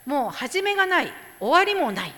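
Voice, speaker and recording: A woman interpreting a sermon phrase by phrase, lively and expressive as she restates each line for the congregation. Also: high-pitched, normal speed. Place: church hall. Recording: echoey hall.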